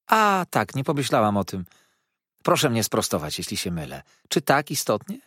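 A man's voice: mid-range voice, huge pitch swings, moderate pace, a bit bright, no echo, studio quality. A man reading an audiobook voices a sarcastic young woman who feigns innocence with arch, needling questions. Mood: mock-innocent. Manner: arch, mock-naive questioning.

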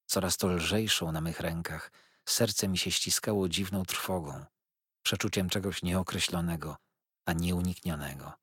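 Deep, husky male audiobook narrator. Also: no echo, clean studio sound. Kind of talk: scripted narration of a novel.

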